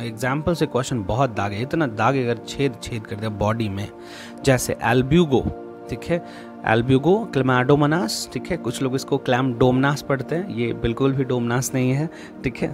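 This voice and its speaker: A male biology teacher lectures his class in a blend of Hindi and English, his voice medium-pitched and a little mellow. He works through the material step by step, repeating key terms and slipping in jokes.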